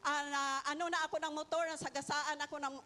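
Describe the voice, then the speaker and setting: An older woman with a high, bright voice gives an impassioned testimony before a church congregation. She keeps addressing her listeners as beloved and breaks into hallelujahs between sentences. Her voice rings with the long reverb of a large hall. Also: flat delivery, fast, a crowd in the background. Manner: fervent, repeats "mga minamahal" and hallelujah. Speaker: church member giving testimony. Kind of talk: testimony in a worship service.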